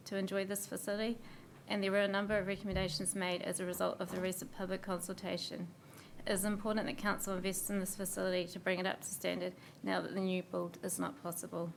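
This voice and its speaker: Hoarse New woman, gravelly and even-toned, presenting a formal council submission. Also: medium pitch, slight background noise. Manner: steady, measured reading with small slips and fillers. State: hoarse, losing her voice.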